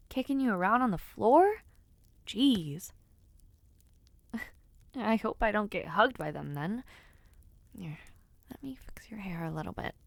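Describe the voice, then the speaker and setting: Speaking straight to the listener in an expressive audio roleplay, a woman plays a spirited young noblewoman who is playfully impatient and hopes to become a knight. Her medium-pitched voice has vocal fry and no room sound, and she sighs often, using genteel wording with teasing asides in a teasing, fond mood.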